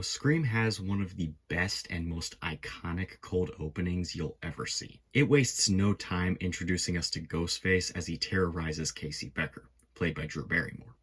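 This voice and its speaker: A man's voice: low-pitched, a bit bright, slightly rough. A young man giving an enthusiastic, scripted film review in a voice-over. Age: young adult. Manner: enthusiastic, fan-like.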